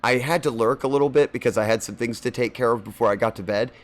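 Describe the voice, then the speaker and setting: A man's voice: medium pitch, fast talker. A man streaming a game and chatting casually with viewers, his voice slightly scratchy from seasonal allergies. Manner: rambling, friendly, greets chat by name. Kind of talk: casual chat while gaming.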